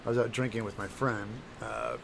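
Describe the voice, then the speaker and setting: A slightly hungover man with a phlegmy throat, hosting a casual craft livestream in a halting, distracted, apologetic way while he works and chats to viewers. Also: on the low side, steady tone, noisy background. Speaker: livestream host, craft demonstrator.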